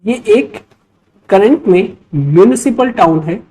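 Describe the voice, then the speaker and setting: A woman with an Indian accent teaches history for exam preparation, giving an instructional lecture in mixed Hindi and English. She reads out quiz questions and often adds check-in tags. Her mid-range voice is warm and animated, and she takes it slowly.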